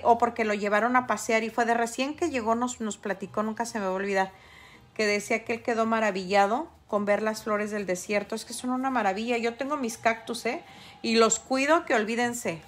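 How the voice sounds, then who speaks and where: Middle-aged woman, chatty livestream host, talks straight to viewers, slightly high voice. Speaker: artist livestreaming her painting. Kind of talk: casual livestream chat.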